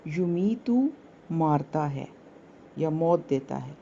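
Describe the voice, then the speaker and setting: A woman with a lowish, mellow voice teaches at a very slow, deliberate pace. She repeats each word and its meaning, and the recording sounds dull with faint noise behind her. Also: animated. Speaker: Quran teacher. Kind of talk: word-by-word translation lesson.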